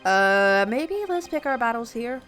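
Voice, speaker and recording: A playful, excitable woman giving casual commentary while hosting a video game playthrough. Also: fairly high pitch, unhurried, faint music behind. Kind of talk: casual gaming commentary with character read-alouds.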